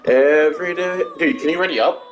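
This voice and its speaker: A man with a fairly high, brisk voice streams a video game, chatting casually and teasing his friend in a playful way, breaking into bursts of silly voices. The audio carries a little hiss or hum.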